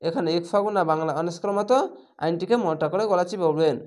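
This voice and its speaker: A man teaching Quran reading, spelling out each letter and vowel mark, then blending the syllables into a drawn-out chanted word, with a Bangladeshi Bengali accent. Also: sits high, darkish tone. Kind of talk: spelling-out Quran recitation lesson.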